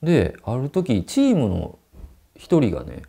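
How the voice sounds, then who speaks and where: A man's voice: mid-range voice, huge pitch swings, unhurried, vocal fry, dark tone. A man telling a ghost story and acting out the quoted dialogue.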